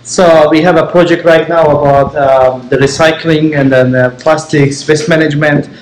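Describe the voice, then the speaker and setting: A man's voice: a little high, steady tone, moderate pace, reverberant, slight background noise, rough recording. A young man hosting a casual vlog tour, filming himself with an action camera and whooping with enthusiasm. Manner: enthusiastic, frequent whoops and laughs. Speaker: vlog host and exchange participant. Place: guesthouse rooms and terraces, indoors and out. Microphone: action camera held at arm's length.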